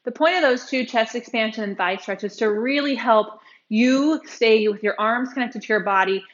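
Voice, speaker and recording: A woman's voice: on the high side, moderate pace, highs cut off, slight background noise. A woman teaching a Pilates tutorial, demonstrating as she moves, chatty and bubbly and a little out of breath.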